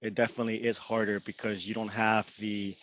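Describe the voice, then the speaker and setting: Flat-voiced man chiming in on a call. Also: on the low side, brisk, dull audio. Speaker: webinar participant. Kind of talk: casual discussion on a video call. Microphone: video call.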